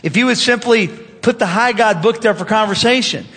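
Lively high-voiced pastor preaching. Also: male voice, normal speed. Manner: lively, conversational preaching with humor and rising emphasis. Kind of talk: sermon. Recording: reverberant hall.

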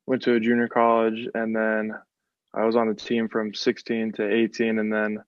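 Young male coach from the West Coast, low, even voice, slightly dull line sound. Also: moderate pace, dry recording. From West Coast of the United States. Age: 20s. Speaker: football coach. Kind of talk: interview answers.

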